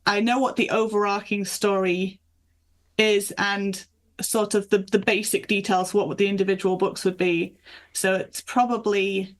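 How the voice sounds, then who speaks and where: Her mid-range voice stays flat, and she keeps a measured pace. This author, whose background spans northern England and Michigan, USA, is in a relaxed interview, sharing stories conversationally.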